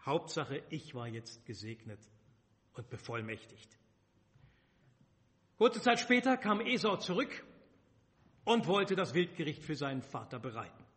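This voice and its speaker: A man's voice: fairly high pitch, very animated, measured pace, long pauses, a bit bright. A man preaching a sermon, retelling a Bible story in the first person with emphatic rhetorical questions. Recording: reverberant hall.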